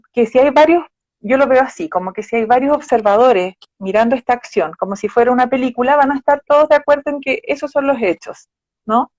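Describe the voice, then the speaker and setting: With a fairly high pitch and a slightly mellow quality, a woman psychologist speaks as a guest in a live conversation. She is patient and explanatory, giving examples with quoted phrases, and the live-stream sound is dull and dry with no room sound.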